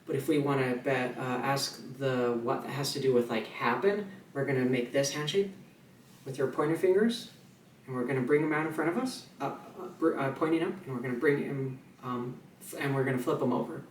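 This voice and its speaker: A man teaching sign language in a relaxed, chatty way, with fillers and restarts, slowing down to mouth his example sentences. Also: mid-range voice. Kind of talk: casual instructional video. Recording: echoey room, voice a little far from the mic, faint ambient noise.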